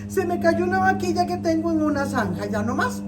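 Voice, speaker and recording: A woman's voice: very high-pitched, lively intonation, brisk, voice pushed up. A woman with a Costa Rican accent voicing a sly, skinny little male rabbit trickster who pleads and wheedles in a told folk tale. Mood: wheedling. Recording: distant mic with faint noise.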